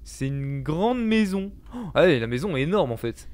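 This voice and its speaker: Young man, panicky horror gamer; high voice, big swings in pitch, jumpy and foul-mouthed, close mic. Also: very animated, normal speed, a little mellow, a little hiss or hum. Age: young adult. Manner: panicky, jumpy, swearing, bursts into yelps. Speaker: gamer commentating a horror game. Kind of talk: excited gameplay commentary. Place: small home gaming room, indoors. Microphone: close desk microphone, headset on.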